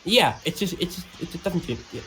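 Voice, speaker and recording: A man's voice: fairly high pitch, lively intonation, brisk, a crowd in the background, poor audio. An Australian man co-hosting a podcast, casually recapping game lore in a rambling, joking way with many fillers and restarts. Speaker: podcast co-host.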